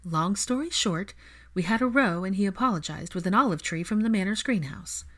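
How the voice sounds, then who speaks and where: A woman voicing a guarded, wry young heroine in a measured, dry way, close to her own voice. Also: mid-range voice, animated, fairly bright tone.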